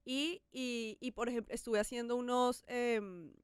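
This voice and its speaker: A woman's voice: a little high, fairly even intonation, measured pace, smooth, no room sound, studio quality. A woman hosting a podcast, talking candidly and with animation about her own life. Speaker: podcast host. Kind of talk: casual podcast conversation.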